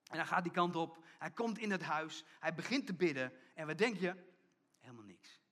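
A middle-aged man preaching a sermon as pastor, telling a story and acting out the people in it, often dropping to a hushed tone for emphasis. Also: on the high side, animated, normal speed. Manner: storytelling preacher, acts out quoted voices, drops to hushed emphasis.

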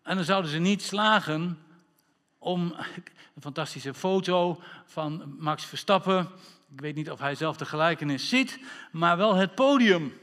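A man leads a church sermon as its pastor. His voice sits a little high and stays lively, full of wordplay and calls for amen. The recording carries the long reverb of a church hall. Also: unhurried.

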